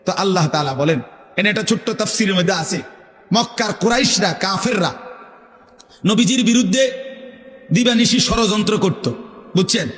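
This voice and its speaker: A high-pitched male preacher with a Bangladeshi Bengali accent, delivering a fervent sermon that swings between hushed and loud. His voice rings through a large hall with a long echo trailing behind it. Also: normal speed, pauses often. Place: large hall at a religious gathering. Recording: echoey hall with long reverb.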